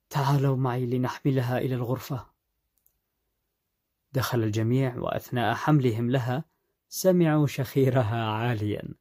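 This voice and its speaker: Brief: male podcast narrator, warm mellow tone, measured scripted storytelling. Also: mid-range voice.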